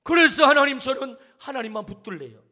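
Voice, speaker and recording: A man's voice: extremely high pitch, expressive, brisk, sharp tone, heavily acted. A man preaching in Korean voicing a desperate outcast man praying to God, with urgent, rising pleas. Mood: pleading. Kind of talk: sermon re-enactment.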